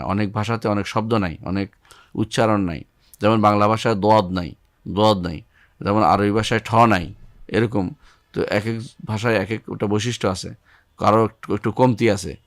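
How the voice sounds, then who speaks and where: A man's voice: on the low side, gravelly, fairly bright tone, dry recording, studio quality. An older man teaching an Islamic studies lesson, reciting Arabic verses and explaining them with many repetitions and restarts. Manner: recites Arabic verses then explains in Bengali, repeating key phrases; halting, restarts words.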